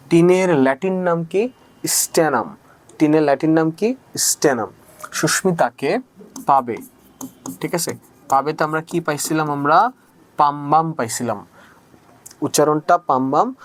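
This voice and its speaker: A man teaching a chemistry class on video. He chants a memory rhyme, asks questions and answers them himself, and keeps checking "okay?". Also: a little high. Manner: casual, mixes in English words and keeps asking "ঠিক আছে?". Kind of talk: recorded video lecture.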